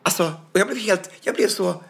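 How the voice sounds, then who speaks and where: A man with a husky, slightly breathy voice chats casually as a podcast co-host. He tells stories with animation, hopping up high when he acts out what other people said. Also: a bit bright.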